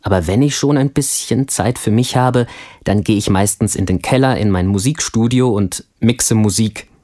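A man playing a friendly young family man in a language course, answering interview questions in a scripted textbook dialogue with calm, clear speech. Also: on the low side, moderate pace, natural voice. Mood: friendly, relaxed.

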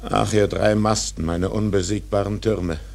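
Gravelly, vengeful old Captain Ahab. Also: male voice, on the low side, steady tone, normal speed, darkish tone. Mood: grieving, solemn. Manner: solemn, declamatory. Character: vengeful, doomed old whaling captain, proud and raging. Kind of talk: German radio play acting.

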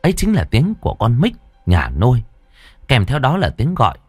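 Lively man telling a ghost story. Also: medium pitch, moderate pace, husky, dry recording. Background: faint music.

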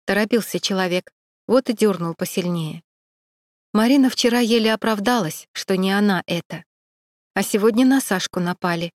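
A woman reading a detective novel aloud in even, clear storytelling. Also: medium pitch, moderate pace, no echo, studio quality. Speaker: audiobook narrator. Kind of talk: scripted narration of a detective novel.

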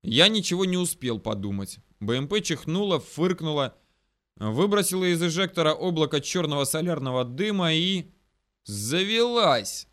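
Bright-voiced male audiobook narrator. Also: a little high, lively intonation, normal speed. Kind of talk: first-person military audiobook narration.

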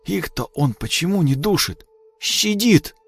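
A man voicing a frightened young male police trainee, talking in anxious, rushed questions. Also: high-pitched, animated, creaky, breathy edge, soft background music, voice pushed up, heavily acted. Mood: uneasy. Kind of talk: audiobook character voice.

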